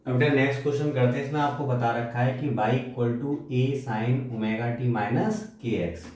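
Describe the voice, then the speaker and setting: A man's voice: medium pitch, fairly even intonation, a little slow, darkish tone. Man teaching physics in an echoey room. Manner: calls students "beta", asks and answers own questions, mixes English. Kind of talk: classroom lecture.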